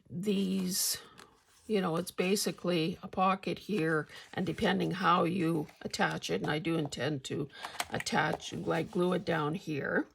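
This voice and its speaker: An older woman hosting a casual craft vlog, speaking haltingly with a husky, gravelly voice, slightly mouth-full as if sucking a candy. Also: lowish voice, background noise. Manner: halting, hesitant delivery with pauses. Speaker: craft channel host.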